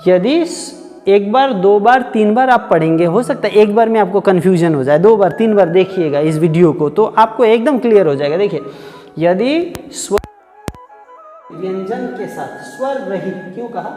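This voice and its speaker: A man teaching a Hindi grammar lesson for exam preparation. He repeats the sounds aloud, slowly and many times. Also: high voice, dark tone, long reverb tail, faint music behind. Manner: slow, repetitive, drills sounds aloud.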